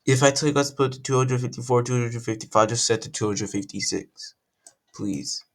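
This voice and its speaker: A young man with a mid-range voice, croaky from having just woken up, talks fairly quickly through a casual coding tutorial at his computer. He thinks aloud and keeps correcting himself.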